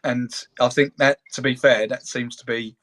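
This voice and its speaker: Hesitant male host, medium pitch. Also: steady tone, normal speed, a bit bright. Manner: hesitant, self-deprecating. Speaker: host of a live audio chat. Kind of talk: casual chat. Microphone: phone.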